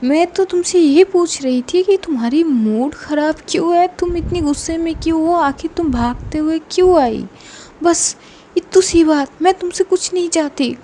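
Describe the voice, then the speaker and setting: A woman's voice: very high-pitched, normal speed, dark tone, slight background noise, voice pushed up. A woman voicing a hurt, earnest young woman who is bewildered at being pushed away.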